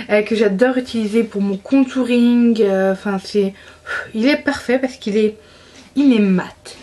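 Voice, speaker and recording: A woman's voice: on the high side, a little slow, mellow. A young woman chatting casually about her monthly beauty favorites, enthusiastic and full of fillers and restarts. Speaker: beauty vlogger.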